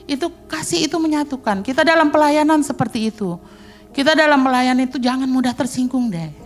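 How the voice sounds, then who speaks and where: A middle-aged woman with an Indonesian accent preaching a sermon in a church, chatty and joking, with quick acted-out asides. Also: high voice, expressive, soft background music. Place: church hall.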